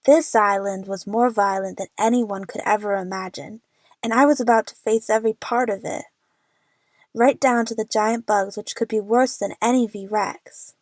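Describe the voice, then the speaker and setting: In an audio drama, a woman plays an anxious, lovestruck young woman earnestly narrating her adventure. Her mid-range voice is steady, natural, and at normal speed, recorded in studio quality with no room sound.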